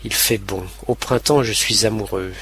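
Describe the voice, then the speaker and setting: A man narrating a scripted language lesson in a slow, clear, carefully pronounced way. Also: lowish voice, a bit bright.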